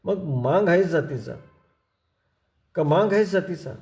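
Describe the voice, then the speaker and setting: A man voicing a domineering village strongman with a whip, who shouts threats in rough rustic speech. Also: fairly high pitch, lively intonation, measured pace, pitched above the performer's own voice. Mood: harsh, commanding.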